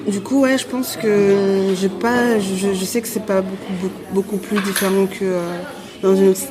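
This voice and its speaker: A woman's voice: medium pitch, little pitch movement, moderate pace, a crowd in the background. A woman, a podcast guest, talks casually and hesitantly with many fillers. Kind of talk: casual conversation.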